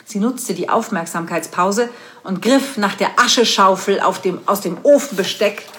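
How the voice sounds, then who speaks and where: A woman reading an adult story aloud in a measured pace, with occasional slips and restarts. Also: mid-range voice, fairly bright tone.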